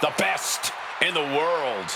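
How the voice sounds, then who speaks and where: A man's voice: a little high, lively intonation, takes it slowly, vocal fry, very noisy. A man calling wrestling play-by-play as a commentator, in punchy, dramatic short calls. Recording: music and loud crowd behind. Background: loud music, arena crowd.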